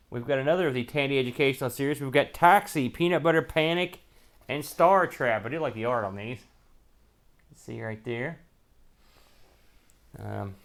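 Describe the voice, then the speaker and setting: The host of a retro computer unboxing show thinks aloud in casual, off-the-cuff commentary with a folksy, colloquial flavor. His voice sits fairly high and has a fairly bright tone.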